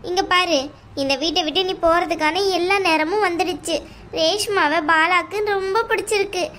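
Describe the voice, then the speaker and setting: A woman's voice: very high-pitched, steady tone, sharp tone, slight background noise. A woman voicing a scheming, domineering middle-aged mother-in-law who talks in a scornful, taunting way in an amateur audio drama. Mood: scornful, bossy. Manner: scornful, bossy, drawn-out taunting.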